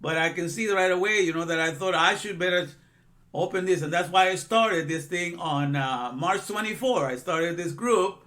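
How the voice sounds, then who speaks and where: A man in his sixties from Guatemala gives an informal religious lesson in a high-pitched, fairly bright voice at a moderate pace. As a religious teacher he rambles, drifting into asides, repeating phrases and saying "you know" often.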